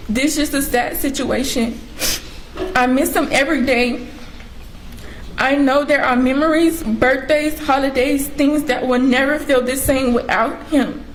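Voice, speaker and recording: Young female defendant, tearful apology statement, higher-pitched, faint courtroom noise. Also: fairly even intonation, unhurried. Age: teens to young adult. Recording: noisy courtroom audio.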